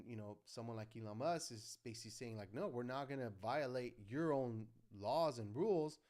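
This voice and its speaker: A man's voice: mid-range voice, a little mellow. A middle-aged man hosting a livestream, talking in an impassioned, preachy way and acting out quotes. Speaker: livestream host. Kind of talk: casual political livestream monologue.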